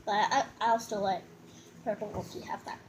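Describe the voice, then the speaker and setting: A woman's voice: mid-range voice, steady tone, normal speed. A woman hosting a challenge video, chatting casually to her viewers. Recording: noisy home-style recording.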